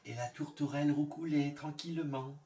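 A man reading a fairy tale aloud in a calm, measured storytelling manner. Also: a little high. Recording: echoey room, far from the mic.

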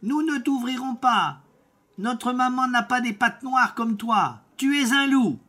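A man voicing a group of defiant young goat kids who shout back at the door. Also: very high voice, lively intonation, a little slow, voice pushed up, heavily acted. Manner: shouting in unison.

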